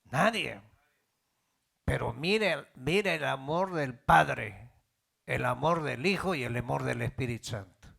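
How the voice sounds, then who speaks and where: A man's voice: medium pitch, lively intonation, takes it slowly, creaky, a bit bright, breathy edge. A middle-aged man preaching a sermon as pastor, building in fervor and calling out questions to his congregation.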